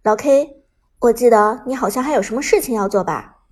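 A woman's voice: on the high side, brisk, a little mellow, husky. A woman voicing a stern female esports team manager who speaks firmly and seriously. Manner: firm, serious.

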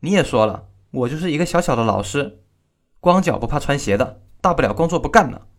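A man's voice: a little high, expressive, a little fast. A man voicing a defiant wronged wife. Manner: defiant, firm delivery. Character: wronged schoolteacher wife in her thirties, stubborn and defiant. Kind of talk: storytelling narration.

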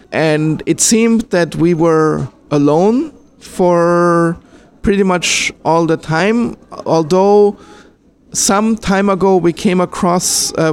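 Man from Austria, slightly high voice, halting, lots of ums. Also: smooth. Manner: hesitant, many ums and restarts. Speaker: interviewee, fan filmmaker. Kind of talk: casual interview answers.

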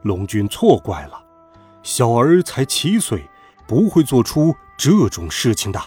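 Man doing a fretful, husky middle-aged father. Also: medium pitch, very animated, unhurried, warm tone, faint music behind, full character voice. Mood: placating. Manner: fawning, fretful.

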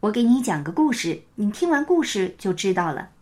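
A woman voicing a kind, gently smiling woman teacher who asks patient questions. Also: medium pitch, sing-song, a little fast. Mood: gentle.

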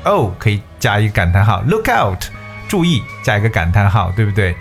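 A man's voice: fairly low pitch, quick pace, faint music behind. A man hosting an English lesson for Chinese listeners, mixing English and Chinese and spelling words out letter by letter. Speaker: host.

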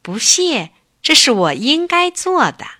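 A woman's voice: sits high, sing-song, pushed and bright, dry recording, clean studio sound, voice pushed up, exaggerated voice. A woman voicing a kind, eager young male bear cub who talks earnestly and in a hurry, in a children's storybook. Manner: earnest, hurried, helpful.

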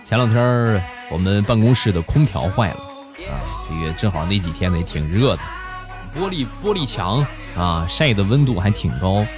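A man telling funny personal anecdotes in a casual, animated way, full of chatty fillers. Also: on the low side, normal speed. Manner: animated, colloquial northern-style banter with many 啊 fillers. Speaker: comedic storyteller. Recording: dry close mic with faint background music.

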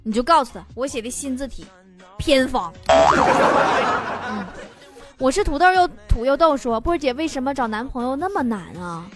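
A woman's voice: high-pitched, sing-song, brisk. A young woman with a Northeastern Chinese accent hosting a comedic radio show, reading listener messages and teasing them playfully. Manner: playful, teasing, laughs at own jokes. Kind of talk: casual comedic radio chat. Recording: music bed behind voice.

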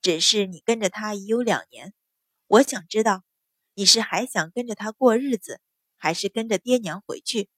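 A cool young noblewoman in command, composed and coldly unhurried, read by a woman in her own voice. Her lines sit close to the narration, dry and near the mic. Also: medium pitch, no echo, close to an everyday voice. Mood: measured. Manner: cold, composed.

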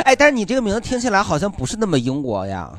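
A man hosting a live comedy podcast, teasing guests with quick banter. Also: high voice, huge pitch swings, very noisy. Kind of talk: joking live chat with audience. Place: live recording with studio audience.

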